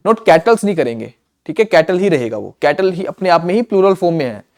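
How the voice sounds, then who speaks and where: A man teaching English grammar in an exam-prep lesson, mixing Hindi and English and slowing down on English examples. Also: on the high side, big pitch swings, darkish tone. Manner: explains in Hindi mixed with English, slows down for English examples; repeats words and checks in with "theek hai".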